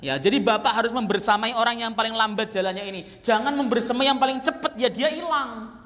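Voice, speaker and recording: Speaking fast in an extremely high-pitched, sharp voice that echoes through a large hall, a middle-aged Islamic teacher delivers a conversational study lecture in a mosque. He adds teasing asides and demonstrates by chanting verses.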